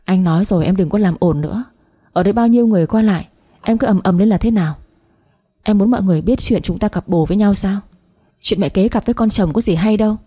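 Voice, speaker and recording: A cautious young man in a spoken story, scolding in a hushed, irritable way, as a woman narrator voices him. The tone is mellow and slightly breathy. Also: mid-range voice, fast talker, lightly acted.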